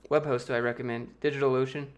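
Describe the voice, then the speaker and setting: An American man chats through viewer questions on a live stream from a room at home, speaking into a desk mic. His delivery is loose and offhand, with quick jokes between answers. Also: medium pitch, flat delivery. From United States. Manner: loose, joking, reads chat questions aloud and answers offhand. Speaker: YouTube host answering chat. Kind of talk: casual livestream Q&A.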